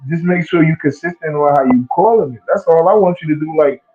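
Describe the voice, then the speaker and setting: A man's voice: on the high side, brisk, faint music behind. Man on a tinny phone line, talking ball. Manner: relaxed, conversational, keeps asking "you know what I'm saying". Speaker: co-host, former player. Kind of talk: casual sports talk.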